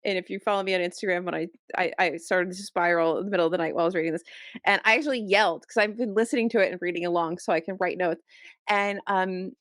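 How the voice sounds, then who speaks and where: A woman co-hosting a podcast in casual chat, ranting in an animated, exasperated way with many restarts, close to her microphone. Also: fairly low pitch, quick pace, no echo. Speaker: podcast co-host. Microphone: close podcast mic.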